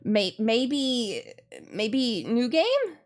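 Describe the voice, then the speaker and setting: Over background game music, a woman plays a visual novel on stream in a slightly high voice with big pitch swings and drawn-out words. Her live commentary is casual and exclamatory, and she frequently repeats phrases.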